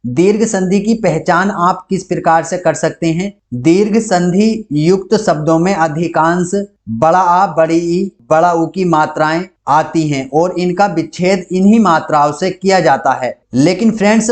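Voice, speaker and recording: A man with a fairly high voice teaches an online grammar class. He works through every rule and example in the same patient, step-by-step way, speaking close to the mic. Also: unhurried. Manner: methodical, repeats each rule step by step.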